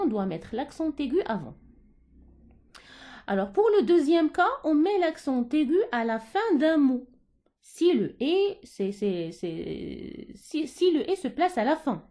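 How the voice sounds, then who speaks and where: A woman teaching a French grammar lesson to schoolchildren, talking slowly, repeating herself and stressing key words. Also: on the high side, dark tone.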